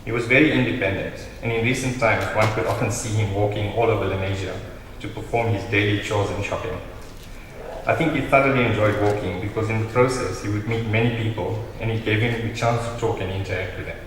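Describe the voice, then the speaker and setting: Eulogy speaker: South African male, lowish voice, solemn and measured, reading in a highly reverberant, faintly noisy hall. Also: steady tone. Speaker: family member giving a eulogy. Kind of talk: prepared funeral eulogy read aloud. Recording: very echoey hall, distant mic, noisy.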